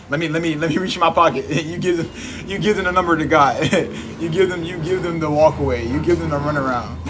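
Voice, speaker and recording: A man's voice: on the high side, noisy background. Preachy man talking on a livestream. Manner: preachy, repetitive, laughs often. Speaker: livestream host. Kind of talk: casual live-stream monologue.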